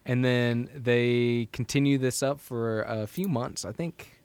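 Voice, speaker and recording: A man of twenty-three hosting a casual book discussion, retelling the plot with lively asides. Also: mid-range voice, slow pace, smooth, dry recording. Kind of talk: casual book-club chat.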